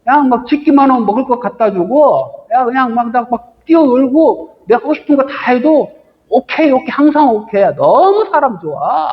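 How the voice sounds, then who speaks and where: A man's voice: very high voice, lively intonation, moderate pace, long reverb tail, dull audio, pitched above the performer's own voice. Man doing a boastful spoiled pet dog. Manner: bragging, cheerful.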